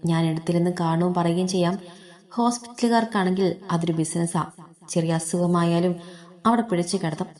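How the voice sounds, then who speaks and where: A woman's voice: fairly low pitch, fairly even intonation, brisk, a little mellow, close to an everyday voice. Woman voicing a sneering, scolding husband. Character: harsh scolding husband, adult man.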